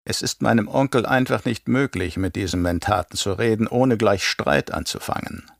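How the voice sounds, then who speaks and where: A man's voice: lowish voice, normal speed, creaky, dry recording, studio quality. A man reading an audiobook and voicing a sullen young nephew who grumbles in a sulky way.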